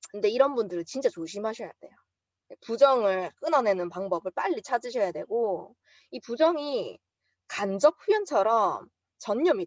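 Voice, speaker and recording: A woman's voice: medium pitch, dry recording, dull audio. A woman with a Busan accent giving a motivational seminar talk, telling stories from her own experience. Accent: Busan Gyeongsang. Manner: lively storytelling, acts out quotes with bursts of emotion.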